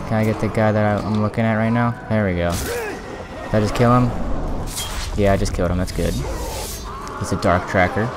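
A man's voice: lowish voice, steady tone, normal speed, long pauses. A man giving casual commentary while playing a video game, muttering and swearing in frustration. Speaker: let's play gamer.

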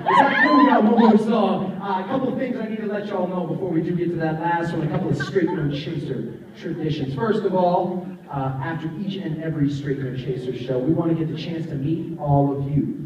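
A man's voice: fairly high pitch, brisk. A man from Colorado, an a cappella singer chatting and joking with the audience between songs on a large theater stage, speaking into a handheld mic and filmed from the crowd. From Colorado, USA. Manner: chatty, joking, lively announcements. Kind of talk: live stage banter. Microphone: handheld mic, filmed from the audience far off. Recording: distant, echoey, dull audience recording.

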